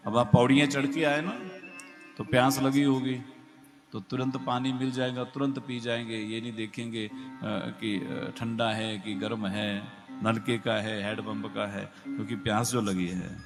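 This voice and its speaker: A male preacher speaks slowly and emphatically through a loudspeaker system with a heavy, cave-like echo trailing every word. Clear devotional music plays beneath his sermon as he turns to the listeners with questions. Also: medium pitch, little pitch movement. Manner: rhetorical, asks the audience questions, slow and emphatic. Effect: heavy echo on the sound system. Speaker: Bhagavat katha preacher. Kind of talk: devotional sermon with scripture verses. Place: large devotional gathering with an audience. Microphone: microphone through a loudspeaker system.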